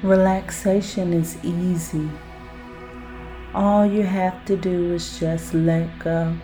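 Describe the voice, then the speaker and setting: A woman guiding a self-hypnosis relaxation in a soothing, deliberate manner, like a sleep story narrator. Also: fairly low pitch, level tone, dark tone, soft background music. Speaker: podcast host and relaxation guide.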